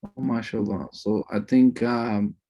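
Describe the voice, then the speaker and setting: A man instructor chatting warmly and rambling a little as he greets students on a video call, sprinkling in religious phrases. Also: lowish voice, fairly even intonation, measured pace. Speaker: course instructor. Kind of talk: casual chat greeting an online class.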